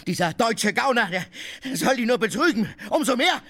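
An actor playing a coarse, scheming man who blusters, insults and shouts, in a radio drama. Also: a little high, sing-song, unhurried, full character voice. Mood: shouting. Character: coarse bullying middle-aged man, loud and scheming.

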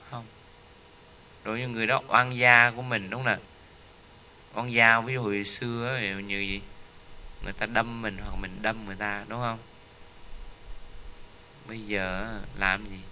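Bright-voiced man teaching. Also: mid-range voice, slight background noise. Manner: storytelling, with frequent rhetorical "right?" tags. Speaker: Buddhist teacher. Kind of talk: dharma talk.

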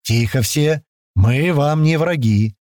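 A man reading an audiobook, voicing a calm, commanding leader who keeps an armed group in check. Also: fairly high pitch, slow, no echo, studio quality, pitched above the performer's own voice. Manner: firm and steady, takes charge. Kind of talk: audiobook character voice.

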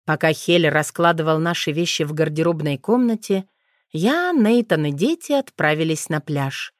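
A woman with a fairly low voice reads a first-person audiobook in a steady, expressive way. The sound is close and dry, with no room echo. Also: normal speed. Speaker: audiobook narrator.

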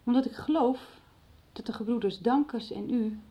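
In this slightly dull 1990s radio drama recording, an actress with a somewhat high voice plays an indignant, earnest female teacher standing up for herself. Her delivery is lightly acted at a normal pace, and she presses her questions directly and insistently.

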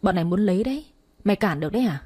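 A woman's voice: medium pitch, lively intonation, very fast, dark tone, natural voice. A woman voicing a swaggering male gang leader who taunts and threatens in a crude, menacing way.

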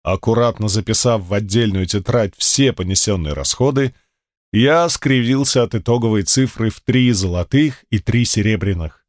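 A man reading a first-person fantasy audiobook with steady, measured storytelling. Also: on the low side, no room sound, clean studio sound. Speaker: audiobook narrator.

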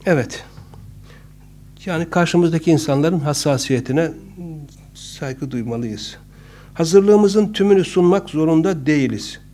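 A man's voice: on the high side, a little slow, warm tone. A man giving a casual, instructive talk on public speaking, conversational and joking, with frequent hesitant fillers. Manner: conversational, with humorous asides and many hesitant fillers.

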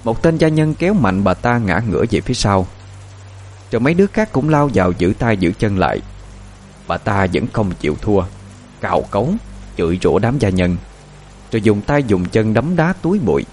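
A man narrating a horror story in a dramatic, expressive way. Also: on the low side, normal speed, slight background noise.

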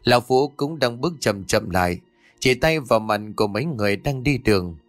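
A man narrating a ghost story in a steady storytelling manner. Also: mid-range voice, fairly quick, no echo. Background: faint music.

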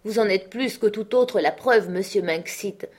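A woman's voice: mid-range voice, unhurried, husky, voice pushed up. A woman reading aloud, voicing an arrogant young male musketeer who sneers at commoners. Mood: haughty sneering. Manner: haughty, sneering.

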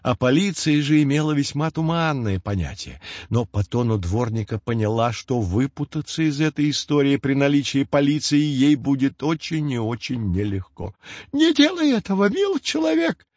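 A man narrating a fairy tale audiobook with expressive storytelling. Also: medium pitch, moderate pace, hardly any pauses, dry recording. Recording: dull lo-fi dry recording.

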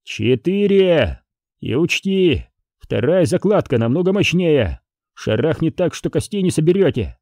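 A man voicing a stern male army officer who gives firm, measured commands. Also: a little high, sing-song, a little mellow, no echo, studio quality, pitched above the performer's own voice, exaggerated voice. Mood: commanding.

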